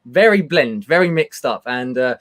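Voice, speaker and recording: A man's voice: medium pitch, animated, normal speed. A British man chatting casually as a guest, rambling and repeating words as he goes. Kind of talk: casual chat.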